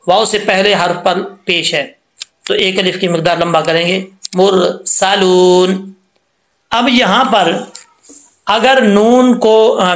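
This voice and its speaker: A man teaches Quran recitation, drawing out syllables and repeating them patiently. His voice sits high, and it rings around a reverberant room. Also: a bit bright. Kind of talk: tajweed lesson explaining letter sounds.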